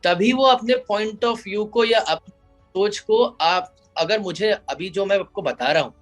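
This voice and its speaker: A man's voice: high voice, takes it slowly, soft background music. A man who is an advocate, answering interview questions in an explanatory way and slipping English phrases into his Hindi. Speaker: advocate and IP lawyer.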